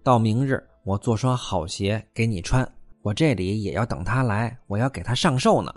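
A man voicing a jealous young concubine, sharp-tongued and pleading, as a storyteller. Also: fairly low pitch, moderate pace, no room sound, soft background music, lightly acted.

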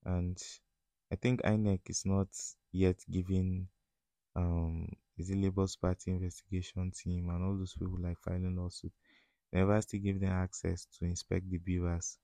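A man's voice: deep voice, flat delivery, moderate pace, warm tone, dry recording. A man with a Nigerian accent chats casually as a solo podcast host, in informal, slangy speech that often slips into Pidgin.

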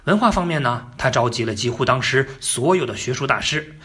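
Lively, chatty male storyteller. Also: mid-range voice, a little fast. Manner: lively, colloquial and joking asides to the listener. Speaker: narrator. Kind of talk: casual history storytelling.

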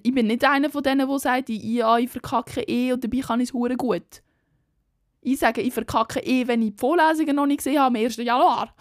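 A woman's voice: a little high, no room sound, studio quality. A young woman with a Swiss German accent, talking in a chatty, slangy, candid way in a casual vlog chat. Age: young adult. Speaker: vlogger.

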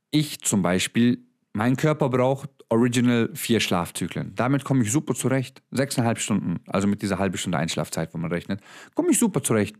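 A man's voice: lowish voice, a little mellow. Blunt, swearing motivational man. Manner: blunt, swears, mixes English words into German; emphatic, addresses listener directly. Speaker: motivational speaker. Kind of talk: motivational monologue.

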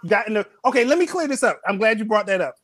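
A man co-hosting a podcast, talking in casual, animated group banter. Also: high-pitched, fast talker, no echo. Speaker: podcast co-host.

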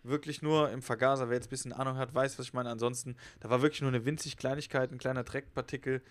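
A man's voice: medium pitch, steady tone, fast. A young man telling a story in casual, slangy podcast chat, as a co-host.

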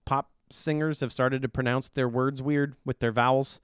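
A man's voice: mid-range voice, fairly even intonation, normal speed, clean tone, no echo, studio quality. A middle-aged man co-hosting a podcast, giving blunt, opinionated song reviews in casual chat. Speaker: podcast co-host reviewing songs.

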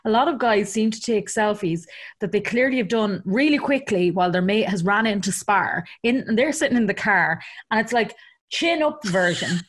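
A woman with an Irish accent chatting casually, animated and given to comic exaggeration. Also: medium pitch, moderate pace. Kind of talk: casual chat.

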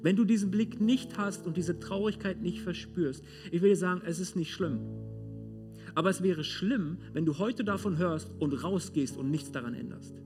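High-voiced man preaching over guitar. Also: normal speed. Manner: talks straight to listeners with rhetorical questions; swings between loud stress and hushed softness. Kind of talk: sermon. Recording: sermon with clear guitar music underneath. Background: guitar music.

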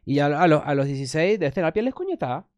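A man chats on a live podcast, quick and eager to explain his theories. His voice is clear and resonant, slightly higher than most men's, and it sounds dry and close to the mic. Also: big pitch swings, a little mellow, no room sound. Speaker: podcast co-host. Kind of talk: casual live podcast chat.

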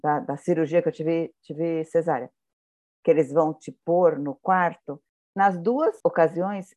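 A Brazilian woman co-hosting a podcast, talking in slow, reflective casual chat with joking asides. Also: lowish voice, a little mellow. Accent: Brazilian Portuguese. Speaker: podcast co-host.

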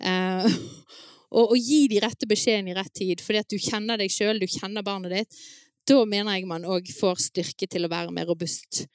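A woman speaking to parents at an evening event, telling stories in a lively, chatty way with frequent laughs. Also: mid-range voice, clear, resonant tone, no echo, studio quality. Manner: many fillers and restarts, asks the audience "sant?". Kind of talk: live talk to an audience.

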